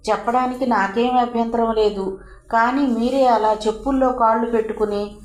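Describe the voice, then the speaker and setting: A woman's voice: on the high side, steady tone, moderate pace, slight background noise, natural voice. A woman voicing a polite, persistent young man. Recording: roomy echo.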